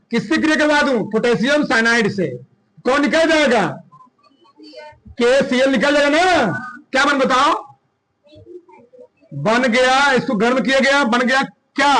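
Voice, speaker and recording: A man teaching a class, firing short questions at his students one after another. His voice sits very high and rings bright and forceful. He drills the class in a lively, commanding way. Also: low-quality recording. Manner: quizzing students with rapid questions. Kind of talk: classroom chemistry lesson.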